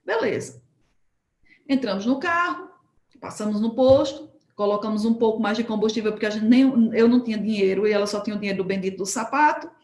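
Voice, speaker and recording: A woman preaching at a church home group, telling a testimony as a lively story and acting out the dialogue. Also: mid-range voice, brisk, echoey room. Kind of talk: sermon testimony told as a story.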